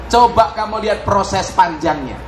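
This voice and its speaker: A high-voiced man speaking at normal speed gives a humorous sermon in a Javanese accent, teasing his live audience and weaving in Javanese slang. The recording comes from a large event hall, echoey and loud with crowd noise.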